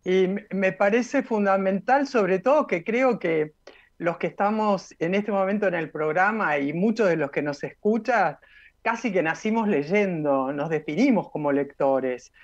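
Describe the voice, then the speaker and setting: A woman's voice: mid-range voice, unhurried. A woman speaking on a radio talk show in a reflective way. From Argentina. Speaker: radio co-host. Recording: dull lo-fi radio sound.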